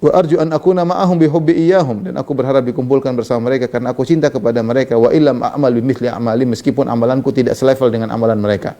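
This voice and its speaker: Male preacher, quick and mellow, reads Arabic then explains casually, sermon commentary. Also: mid-range voice, fairly even intonation. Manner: reads Arabic text then explains in Indonesian, conversational with fillers. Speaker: Islamic preacher.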